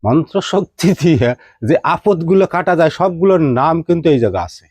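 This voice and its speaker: A man's voice: fairly high pitch, expressive, moderate pace, darkish tone, slightly rough, dry recording. A man, teaching mantras. He chants verses in a rising singsong and keeps asking his listeners questions. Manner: addresses listeners directly with rhetorical questions. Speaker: tantric teacher. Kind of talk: devotional teaching talk.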